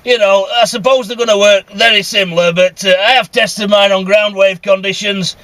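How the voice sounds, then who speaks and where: In a dry recording from inside a vehicle, a Northern English man who runs a CB radio vlog rambles bluntly and casually while driving, grumbling and swearing. His high voice is steady, pushed and bright, at a normal speed.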